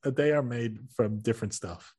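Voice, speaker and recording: A man's voice: medium pitch, moderate pace, a little mellow, slightly rough. A man co-hosting a podcast in casual chat, reacting to a story with quips and jokes. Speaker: podcast co-host.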